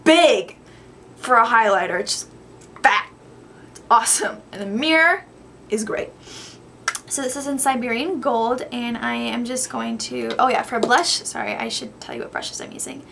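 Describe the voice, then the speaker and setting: A woman's voice: a little high, normal speed, gravelly, a bit bright, slight background noise. A young woman doing a chatty, gushing makeup tutorial vlog, sounding a little tired. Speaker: beauty vlogger.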